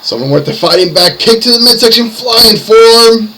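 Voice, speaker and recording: He's a lucha libre announcer with a high, expressive voice, delivering play-by-play at a moderate pace in short, mounting phrases. There's background noise, and music plays beneath the commentary.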